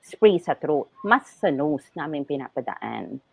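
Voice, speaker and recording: A woman's voice: deep voice, big pitch swings, unhurried, gravelly, darkish tone, breathy edge, dry recording. A woman ENT doctor, a guest on a health talk show, explaining things patiently in a mix of English and Tagalog.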